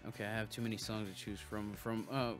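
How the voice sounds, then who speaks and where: A man's voice: lowish voice, little pitch movement, fast talker, music in the background. A man hosting a livestream, talking casually and musing aloud with loose restarts and swearing. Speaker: livestream host. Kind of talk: casual rambling monologue.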